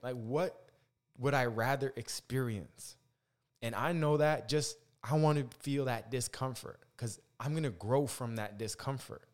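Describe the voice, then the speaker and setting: A podcast host with a mid-range voice gives a casual motivational monologue peppered with Rasta-influenced slang. He sounds reflective and repeats phrases for emphasis.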